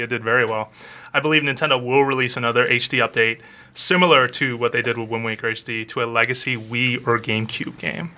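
A man's voice: medium pitch, bright, forceful tone. A man co-hosting a casual podcast, laughing often and thinking aloud with small restarts. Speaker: podcast co-host.

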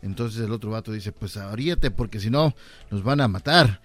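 A man on a radio comedy show telling a joke in a lively way, switching voices for the characters in it. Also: on the low side, moderate pace, faint music behind.

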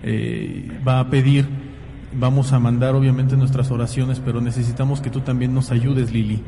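A male co-host gently reassuring a caller and repeatedly calling her name. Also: mid-range voice, little pitch movement, moderate pace, in a large hall, slight background noise.

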